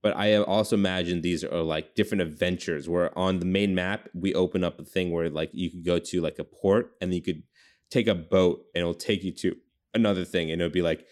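A man's voice: low voice, fairly even intonation, fairly quick, darkish tone. A young man chatting casually on a podcast, rambling through ideas with lots of "like". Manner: rambling, heavy use of "like". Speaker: podcast co-host. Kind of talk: casual brainstorming chat.

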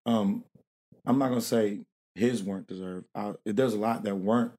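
A man's voice: fairly low pitch, fairly even intonation, normal speed, warm tone. A man being interviewed in a casual, rambling conversation, laughing often and restarting his sentences. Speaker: interview guest, rapper and producer.

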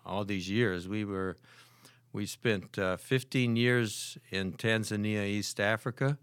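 An older man from Michigan speaks in a low voice, pausing and restarting often as he tells his story. He is a guest on a church podcast. The sound is dry and close. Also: fairly even intonation, a bit bright, smooth, no echo. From Michigan, USA. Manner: hesitant, halting with restarts. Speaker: guest, church prayer team member. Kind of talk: casual podcast interview.

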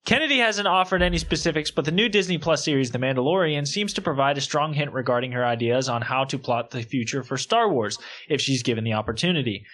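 A man co-hosting a casual podcast, reading news items aloud in a lively, animated way. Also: medium pitch, quick pace. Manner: lively, breaks into giggling fits. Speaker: podcast co-host.

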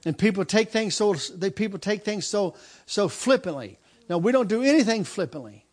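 A man in his mid-fifties preaches to his congregation, his voice sitting notably high for a man. He hammers his points with repetition, circling back on phrases and restarting sentences as he goes. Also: animated, normal speed. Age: 50s. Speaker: pastor. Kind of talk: sermon.

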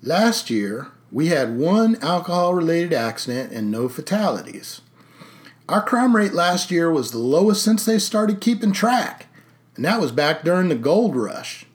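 A man's voice: on the high side, big pitch swings, unhurried, voice pushed up. A man voicing a sixty-three-year-old small-town sheriff who speaks in a folksy, wry drawl. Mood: forceful.

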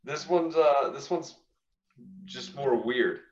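A man's voice: medium pitch, slow pace, a little hiss or hum. A young man co-hosting a podcast, reading listener confessions aloud in a casual way and often breaking into laughter. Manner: laughs often while reading, says "dude" a lot. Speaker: podcast co-host. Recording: roomy, slightly dull recording.

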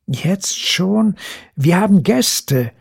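Casting: male reader as a sharp-tongued wife, raspy and breathy, clipped and slow. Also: on the high side, voice pushed up, heavily acted. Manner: clipped, venomous.

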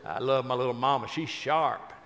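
A man's voice: mid-range voice, normal speed, fairly bright tone, big-room sound. A man, telling folksy stories and teasing a live audience from a stage. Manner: folksy, chatty, teasing the crowd. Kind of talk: stand-up storytelling to a live audience.

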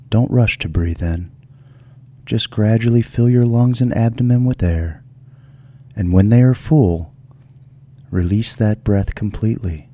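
A man hosting a guided relaxation meditation in a soft, soothing, gentle delivery. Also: low-pitched. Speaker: show host.

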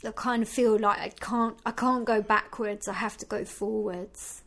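A woman in her forties, a yoga teacher being interviewed, soft-spoken and thoughtful. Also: medium pitch, fairly even intonation, normal speed. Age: 40s. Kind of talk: casual interview chat.

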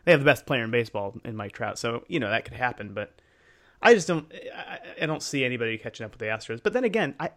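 A man's voice: medium pitch, lively intonation, fast, a bit bright. Male co-host, casual and rambling, mid-range voice. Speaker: podcast co-host. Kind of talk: casual sports chat.

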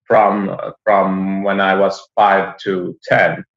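A man from Finland, a podcast guest, chatting casually with many halting restarts over a remote call. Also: sits low, flat delivery, echoey room, dull audio. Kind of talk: casual interview chat.

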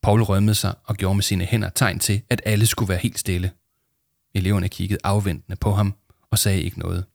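A man calmly reading a children's book aloud as narrator. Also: sits low, vocal fry, dry recording, studio quality.

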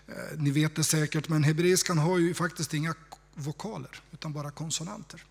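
A man preaching a sermon in a conversational, reflective way, dropping to hushed tones for emphasis. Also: on the high side.

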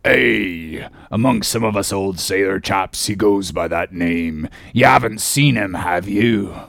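A gravelly old sailor prophet. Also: male voice, sits low, a little slow, no room sound, clean studio sound, full character voice. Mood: cryptic. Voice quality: gravelly, growling. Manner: cryptic, brooding, sometimes bursts out shouting. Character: ragged, ominous old male sailor prophet. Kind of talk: audiobook drama acting.

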